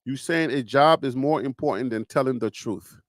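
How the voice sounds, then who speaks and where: A man with a Liberian accent hosts a live stream, offering casual commentary at a moderate pace. He argues with emphasis, teases, and asks rhetorical questions, his animated voice lifting in pitch as he argues. It's recorded with clean studio sound and no echo.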